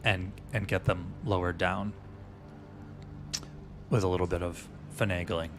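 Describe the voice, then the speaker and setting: Deep-voiced man narrating a tabletop game. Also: measured pace, music in the background. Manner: relaxed, hesitant narration with many fillers. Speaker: dungeon master.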